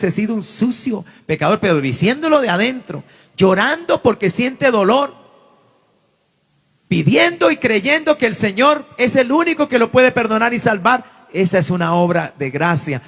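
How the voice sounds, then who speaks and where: A male pastor delivering an impassioned sermon, his fervent preaching swelling at times into shouts. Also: a little high.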